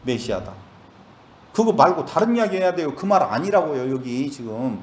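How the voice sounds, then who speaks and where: A man preaches a Bible study in a church, his fairly high voice rising and falling with lively energy. He keeps turning to the congregation with questions. The sound rings around an echoey room. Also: normal speed, a little hiss or hum. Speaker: pastor.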